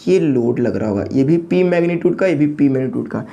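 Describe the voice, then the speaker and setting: A woman giving an engineering lecture, posing questions to the class and answering them herself, repeating key terms slowly. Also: extremely low pitch, expressive, creaky, dark tone, lo-fi sound.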